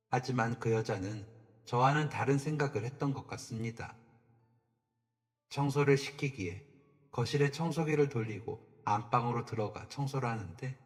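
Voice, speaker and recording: Subdued man narrating over faint music. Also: medium pitch. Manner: subdued, measured, rueful. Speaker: story narrator. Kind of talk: scripted story narration. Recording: long echo with faint music behind.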